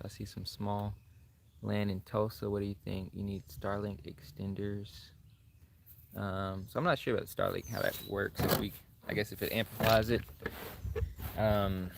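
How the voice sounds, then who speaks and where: Deep gravelly young man, drawl. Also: background noise. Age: 20s. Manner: rambling, thinking aloud with many fillers. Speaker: co-host of a couple's livestream. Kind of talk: casual livestream chat.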